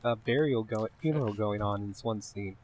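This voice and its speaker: A man chatting casually as a podcast panelist, with halting, tentative phrasing. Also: lowish voice, darkish tone. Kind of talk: casual chat. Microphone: online group call.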